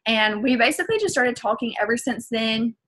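Her voice is high-ish and a bit bright, expressive and slightly fast. This young adult woman with a Southern US accent speaks to camera in a casual vlog, earnestly chatting about her coaching business with plenty of filler words.

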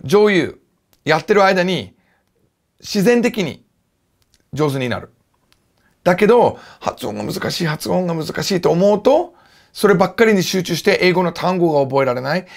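An English speaker from the United States teaches a relaxed video lesson in Japanese, his clear throughout. His voice sits a bit high for a man and swings widely in pitch, with a gravelly edge, and he explains things in an animated, lively way.

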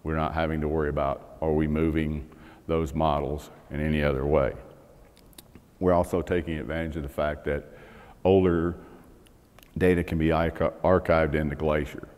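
A man's voice: a bass voice, level tone, moderate pace, darkish tone. A middle-aged man giving a technical talk on a conference stage, conversational with fillers and restarts. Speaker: conference speaker. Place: large conference hall stage. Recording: long hall reverb.

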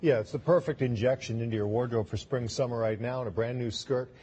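A man working as a home shopping host, giving a live televised sales pitch. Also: quick pace, dark tone, breathy edge.

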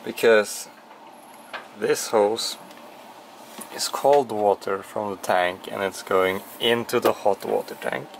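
A young sailing vlogger talks informally and thinks out loud in the cockpit and cabin of a small sailboat. His low voice is slow, with vocal fry and many pauses. Recorded on a handheld camera at arm's length, the audio is noisy with a steady hum.

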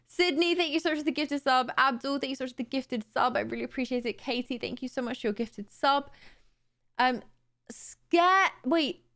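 A tired young woman streams late at night from her room indoors, her high-pitched, fairly bright voice moving at a moderate pace. She laughs easily and chats in a bubbly way while thanking viewers, sounding a little raspy today. She's on a boom studio mic held close.

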